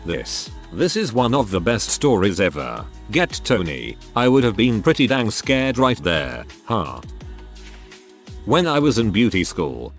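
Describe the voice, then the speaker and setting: A man narrating online stories aloud in a steady read-aloud storytelling manner. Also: lowish voice.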